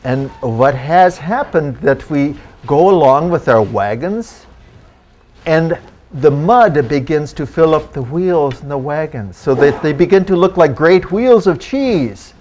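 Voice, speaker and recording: A historical reenactor performs for an audience as a genial 19th-century German immigrant country doctor and travelling storyteller, telling his tale in the first person. His slightly high, animated voice has a darkish tone, and his delivery is wry, deliberate and theatrical, with formal old-fashioned phrasing. A little hiss or hum sits under the recording.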